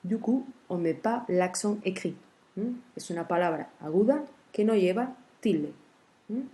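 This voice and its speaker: A woman teaching a grammar lesson in French, speaking slowly and carefully, with many soft "hmm" pauses between steps. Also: medium pitch, lively intonation. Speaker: Spanish teacher.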